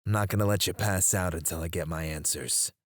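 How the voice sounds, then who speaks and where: Close to the microphone, a man plays a threatening mercenary interrogator for ASMR roleplay, speaking a little fast in a low, taunting voice that occasionally sinks into a whisper. The recording is dry.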